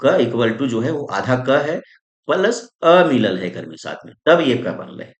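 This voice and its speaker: Lively, question-asking male grammar teacher. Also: mid-range voice, a little slow. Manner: asks the class questions and answers them himself; constant checks like "isn't it?" and "okay?". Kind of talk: exam-prep grammar lesson. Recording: echoey room.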